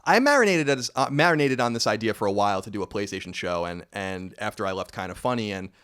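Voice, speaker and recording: A man's voice: fairly low pitch, lively intonation, quick pace, a bit bright, clear, resonant tone. A man in his thirties hosting a casual podcast, rambling and correcting himself with wry asides. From United States. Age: 30s. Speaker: podcast host.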